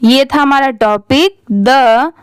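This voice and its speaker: Patient high-voiced woman teacher spelling slowly. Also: clean tone, no room sound. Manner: patient, repeats "what will we read it as?" questions. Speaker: English reading teacher. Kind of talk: Hindi-language phonics lesson, spelling words letter by letter.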